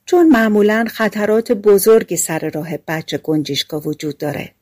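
A woman's voice: medium pitch, darkish tone, close to an everyday voice. A woman voicing a loving, worried mother sparrow in a storybook reading, tender and anxious.

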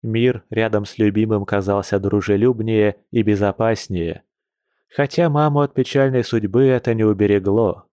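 A man narrating an audiobook in a calm, even reading voice. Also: lowish voice, normal speed, smooth, no room sound, studio quality. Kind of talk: scripted narration.

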